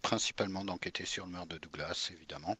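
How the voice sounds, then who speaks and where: Man doing a curt, low-voiced tough detective. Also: fast talker, sharp tone, slightly rough, exaggerated voice. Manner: curt, dry, tough-guy replies. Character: gruff, cool male New York private detective, adult. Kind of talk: game master voicing a character.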